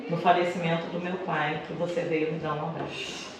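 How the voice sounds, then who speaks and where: Speaking a little fast in a low, level voice, this middle-aged Brazilian woman is a schoolteacher chatting as an interview guest and sharing stories from her life. The distant mic picks her up in a reverberant indoor room amid background noise.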